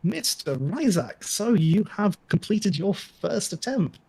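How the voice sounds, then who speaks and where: A chatty man calls a live gaming tournament and interviews players. His voice sits a little high with a husky edge. He laughs often and keeps it casual. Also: big pitch swings, takes it slowly, darkish tone. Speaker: tournament commentator.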